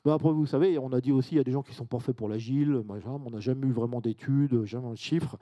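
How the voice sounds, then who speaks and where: A man's voice: mid-range voice, fast talker, highs cut off. A man from France giving an informal conference presentation, chatty, with asides and questions to the audience. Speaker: conference speaker.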